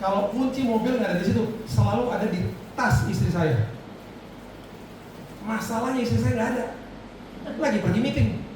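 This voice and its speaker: A man preaching a storytelling sermon, animated and acting out the voices of people in his story. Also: high voice, moderate pace, pauses often. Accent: Indonesian. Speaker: pastor. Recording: echoey hall, far-off mic, noisy.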